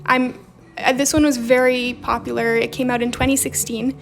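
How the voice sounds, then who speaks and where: A young woman with a slight Romanian accent runs a journaling livestream, casually reading and answering viewer comments. Her voice is on the high side with little pitch movement, a moderate pace and some vocal fry. Faint background music plays.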